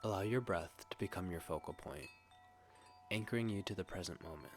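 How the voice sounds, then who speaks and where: In a hushed, gentle and soothing manner, a deep-voiced man leads a scripted guided meditation, leaving long pauses between phrases.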